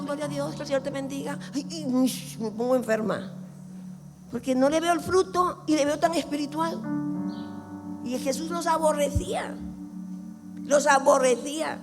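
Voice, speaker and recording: Woman preaching in a reverberant church. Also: high voice. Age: 60s. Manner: emphatic, swings between loud and hushed; acts out little dialogues in other voices. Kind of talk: sermon. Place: church hall. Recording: long church reverb with music behind.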